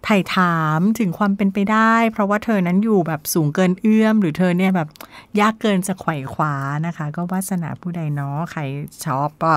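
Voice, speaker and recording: A woman's voice: fairly low pitch, brisk, dry recording. A woman hosting a podcast, explaining new slang in a chatty, polite way and acting out the quoted phrases. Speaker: podcast host. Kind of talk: casual explainer talk.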